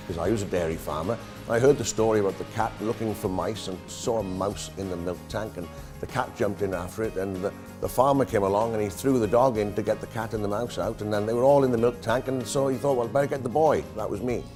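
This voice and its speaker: Jokey Welsh man, low voice. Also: a little mellow. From Wales. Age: 50s. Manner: jokey, self-deprecating storyteller. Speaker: entertainer. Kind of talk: casual interview answers.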